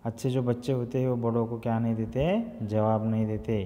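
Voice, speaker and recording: A man's voice: medium pitch, a little fast, dark tone. Echoey male teacher explaining a story. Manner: repeats lines and asks the class questions. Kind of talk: reading and explaining a class lesson.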